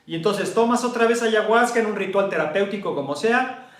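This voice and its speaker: A man with a Mexican accent giving a meditation talk. He repeats phrases and lets each one fade down to a hush, then speeds up and rises when he acts out an anxious mind. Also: high voice, lively intonation, fairly quick, reverberant. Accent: Mexican Spanish. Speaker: meditation teacher.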